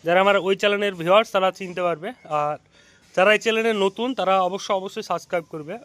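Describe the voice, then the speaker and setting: A man's voice: high-pitched, rapid-fire, fairly bright tone, dry recording. A man with a Bengali accent casually vlogging on a rooftop, explaining as he feeds his pigeons. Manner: chatty, explaining while feeding birds. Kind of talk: casual vlog to camera. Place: outdoors on a rooftop.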